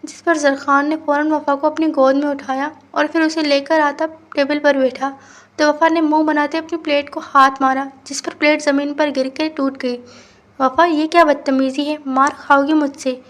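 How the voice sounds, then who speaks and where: High, level-voiced woman reading a novel. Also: flat delivery, moderate pace. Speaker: novel reader. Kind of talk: storybook narration of a romance novel.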